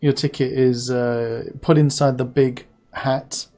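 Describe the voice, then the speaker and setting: Guy in his 40s, r's come out as w's, relaxed mellow tone, rambly streamer host chatting away. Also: medium pitch, takes it slowly. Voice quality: can't say r's, pronouncing them as w's. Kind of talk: casual live-stream chat.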